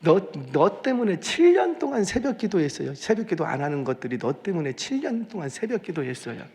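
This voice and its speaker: A tearful older aunt speaks in thick Jeolla dialect, as a preacher puts her on, crying out in drawn-out, sobbing exclamations. Her voice rises and falls with feeling and sits a little high. It carries a long church-hall reverb. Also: sing-song, darkish tone. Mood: tearful joy. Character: weeping older aunt, overjoyed.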